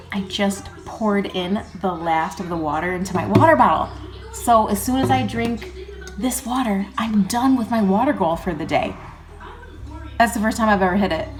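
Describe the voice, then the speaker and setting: A woman vlogger talking in a casual video diary style, chatty, candid and a little self-deprecating. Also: mid-range voice.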